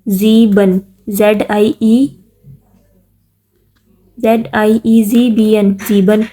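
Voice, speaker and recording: A woman's voice: medium pitch, flat delivery, dark tone. A woman giving a casual spoken lesson, spelling words out letter by letter and asking listeners to repeat after her. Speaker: language teacher.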